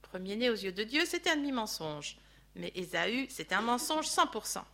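A woman leading a Bible study, telling the story in a lively way with chatty asides to her listeners. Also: mid-range voice, moderate pace, vocal fry. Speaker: Bible teacher.

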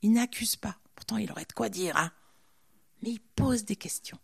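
A woman giving an informal Bible teaching, reading scripture aloud and commenting on it in a chatty, lively way. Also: medium pitch, normal speed, vocal fry, husky. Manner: reads scripture then comments chattily, voices the characters' lines.

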